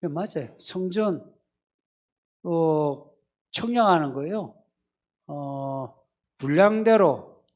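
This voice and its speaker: A male pastor preaching in an easy, conversational way. His pitch swings widely as he teases the congregation and drops into hushed, acted-out little prayers. The sermon has a lively, animated rise and fall. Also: normal speed, long pauses.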